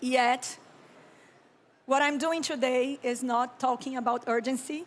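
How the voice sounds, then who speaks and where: Her high voice and Brazilian Portuguese accent carry through an English keynote she delivers on a conference stage. She's a Brazilian architect and urban planner in her thirties who talks in a slow, calm, reflective manner and keeps clearing her throat.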